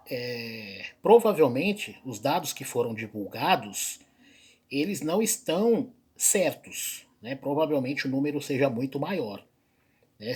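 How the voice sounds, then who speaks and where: A man hosting a reaction video, talking in loose, rambling commentary with frequent fillers and pauses. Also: mid-range voice, husky. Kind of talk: casual spoken commentary.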